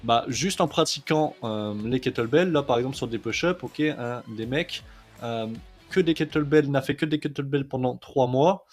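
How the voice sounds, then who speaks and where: A man's voice: medium pitch, moderate pace, darkish tone, soft background music. A man coaching on kettlebell training in a casual video lesson, chatty, with many fillers, often checking in with "ok?".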